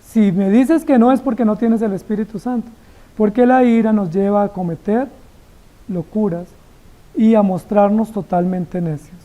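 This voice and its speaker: A woman's voice: medium pitch, steady tone, normal speed, warm tone, poor audio. A woman preaching an expository sermon, dramatically acting out biblical dialogue and firing rhetorical questions at the congregation.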